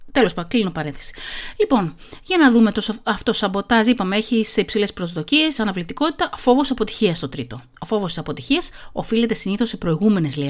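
A middle-aged woman who talks very fast, chatting casually and reading an article aloud, self-mocking and quick to laugh. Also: medium pitch. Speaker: podcast host.

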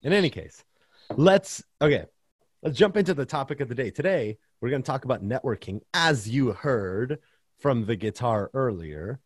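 A man hosting a casual podcast, joking and animated as he talks over a video call. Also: mid-range voice, normal speed, breathy edge, no room sound, clean studio sound. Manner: animated, joking, sings the intro. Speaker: podcast host.

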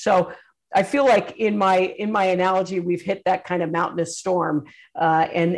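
A woman executive giving conversational interview answers as a guest, somewhat halting as she works through her points. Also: fairly low pitch, vocal fry, a little mellow.

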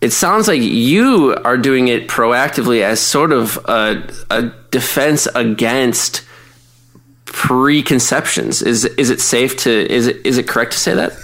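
A man hosting a podcast, asking articulate, measured questions in casual conversation. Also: medium pitch, animated, a bit bright. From Minnesota, USA. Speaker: podcast co-host.

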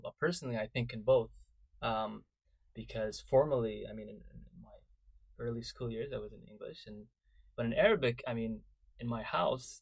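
A man from Kuwait speaking in a measured, explanatory way in a casual group conversation. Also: mid-range voice, darkish tone, no echo, low-quality recording. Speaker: discussion panelist.

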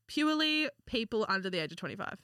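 A young woman with an Australian accent, co-hosting a podcast and telling animated stories with frequent laughs. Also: mid-range voice, quick pace, clear, resonant tone, no echo, studio quality. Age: young adult. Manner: animated storytelling, laughs often. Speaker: podcast co-host. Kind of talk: casual chat.

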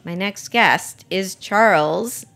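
A woman's voice: medium pitch, slow pace, gravelly, a bit bright. A woman hosting a food radio show, chatting casually with her guest and restarting her sentences often. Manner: chatty with frequent restarts and laughs. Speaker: podcast host. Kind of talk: casual radio interview chat.

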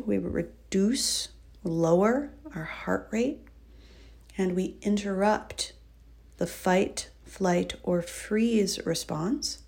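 A woman with a lowish, gravelly voice guides a breathing and relaxation exercise. She gives gentle instructions and mixes in candid, informal asides.

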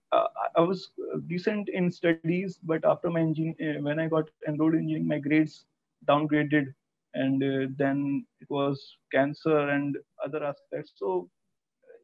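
A young man with a North Indian accent giving a personal account in an interview, speaking haltingly with frequent restarts. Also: a little high. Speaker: interview guest, cancer survivor. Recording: thin, phone-like call audio.

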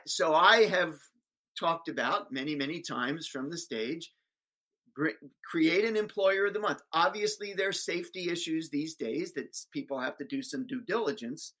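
Emphatic older speaker with a bright voice. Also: medium pitch, poor audio. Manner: emphatic, speechmaker's rhythm with sudden loud rises and slow stresses. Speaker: guest speaker on public schools. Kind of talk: animated interview storytelling.

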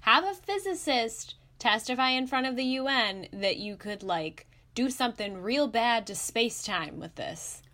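A woman co-hosting a movie podcast in casual chat, thoughtful and quick to laugh. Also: on the high side, expressive, bright, forceful tone. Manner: laughs often, thoughtful and analytical. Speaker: podcast co-host.

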